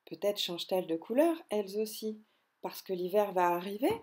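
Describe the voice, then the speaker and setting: A woman voicing a cheerful, curious young boy squirrel in a storybook, with an excited child's manner. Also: mid-range voice, a little fast, natural voice. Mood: eager.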